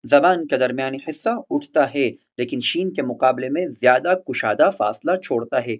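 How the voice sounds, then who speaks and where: A man teaching the articulation of letters for Quran recitation, patient and methodical, repeating example words slowly. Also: medium pitch, lo-fi sound. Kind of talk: explaining letter articulation in a recorded lesson.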